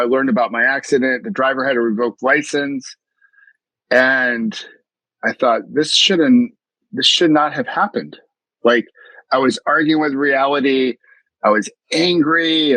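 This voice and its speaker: A man's voice: mid-range voice, fairly bright tone, dry recording, rough recording. A middle-aged man from the US East Coast, a mindfulness coach telling his story in an interview in an earnest, reflective way, often restarting his sentences. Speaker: mindfulness coach and podcast guest.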